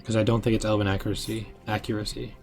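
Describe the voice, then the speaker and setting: A young man who runs tabletop games, chatting casually on a stream with lots of fillers and excited asides. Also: fairly low pitch, fast, soft background music. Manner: rambling, filler-heavy, excitable. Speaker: game master. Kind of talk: casual chat on a live stream.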